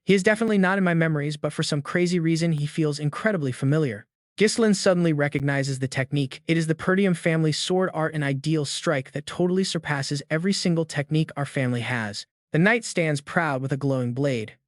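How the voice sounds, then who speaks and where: Male narrator, slangy and excited, slightly high, dry close sound. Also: a little fast, dry recording. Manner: hyped, slangy storytelling. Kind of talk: scripted story recap narration.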